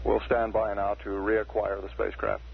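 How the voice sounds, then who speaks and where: An American man giving measured, deadpan mission status commentary as a public affairs announcer, with hesitant pauses. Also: fairly low pitch, vocal fry. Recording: dull 1960s broadcast with faint hiss.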